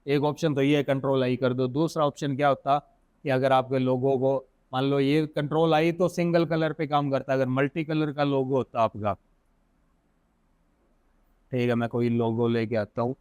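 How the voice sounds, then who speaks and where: A man with an Indian accent teaching software in a casual screen-recorded tutorial, thinking aloud and correcting himself as he goes. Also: mid-range voice, steady tone, moderate pace, clear, resonant tone, no room sound. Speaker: software instructor.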